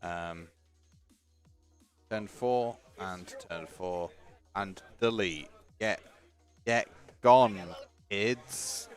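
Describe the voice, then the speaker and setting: A chatty man with a fairly low voice, commentating a tabletop game match in a loose, joking way. Faint music plays underneath. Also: very slow. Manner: chatty, joking, runs the stream tech while talking. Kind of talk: casual live-stream commentary.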